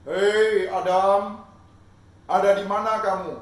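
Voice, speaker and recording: A man's voice: fairly high pitch, huge pitch swings, normal speed, a bit bright, pitched below the performer's own voice. A man voicing a stern, commanding God who proclaims judgment in a solemn way. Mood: calling. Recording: echoey room, mic far off.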